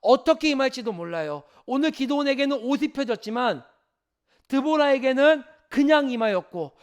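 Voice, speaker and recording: A man preaching as pastor, moving from emphatic preaching to soft, pleading prayer and putting questions to the congregation. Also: extremely high pitch, expressive, moderate pace. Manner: addresses the congregation directly with questions. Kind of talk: sermon. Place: church.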